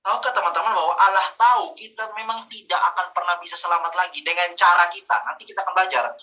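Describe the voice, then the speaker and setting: A man's voice: high-pitched, little pitch movement, quick pace, bright, forceful tone, far from the mic, poor audio. A man giving an online Bible teaching as a preacher. He asks his listeners rhetorical questions and keeps calling for amens. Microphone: video call.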